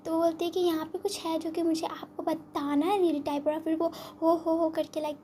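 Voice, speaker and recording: A young woman casually retelling a comic story in a quiet voice from a room at home, mixing in English words. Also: very high-pitched, little pitch movement, fairly quick, slight background noise. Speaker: manga explainer. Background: ceiling fan running.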